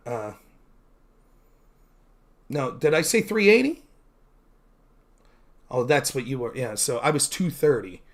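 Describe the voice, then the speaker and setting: A man in his thirties, chatting candidly on his own stream, rambling with many fillers and poking fun at himself. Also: medium pitch. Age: 30s. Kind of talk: casual solo stream chat.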